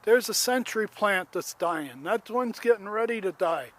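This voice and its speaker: This aggrieved complaint vlog comes from a homeowner in his seventies who films on a handheld phone while walking around his yard outdoors. He talks at normal speed with lively intonation in a high, fairly bright voice, plain-spoken and rambling with restarts, and there's no room sound.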